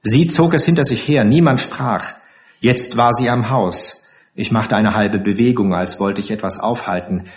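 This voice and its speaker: A man reading a literary story aloud in an expressive way. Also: on the low side, normal speed, roomy sound. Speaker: reader. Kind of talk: audiobook narration.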